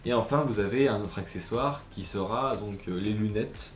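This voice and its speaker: Male tech vlogger, lowish voice, hesitant, echoey room with faint music. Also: moderate pace. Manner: hesitant, many fillers and restarts. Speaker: tech reviewer. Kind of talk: casual product review. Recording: roomy echo with faint music.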